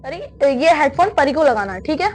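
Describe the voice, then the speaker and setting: A woman's voice: high-pitched, lively intonation, fairly quick, slight background noise. A young woman hosting a horror game let's-play, chatting casually to viewers and keeping up a stream of questions to a helper beside her. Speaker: gaming video host.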